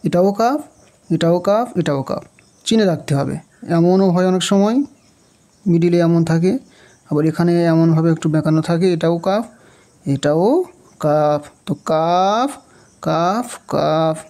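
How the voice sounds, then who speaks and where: The Quran teacher, a man with a Bangladeshi Bengali accent, goes through the letters slowly and repeats each one patiently. His pitch is fairly high, with a darkish tone.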